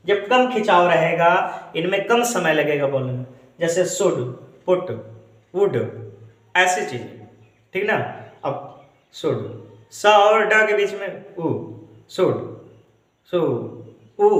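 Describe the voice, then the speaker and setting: High-voiced man teaching phonetics, echoey room. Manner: explains slowly, drawing out and repeating example words. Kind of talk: Hindi-language English phonetics lesson.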